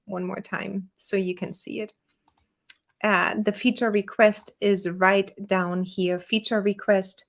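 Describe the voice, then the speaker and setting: In a screen-share tutorial, the owner of a small software company, a German-accented woman, walks viewers through her software. She speaks at a medium pitch in an easygoing, conversational manner, using plenty of fillers.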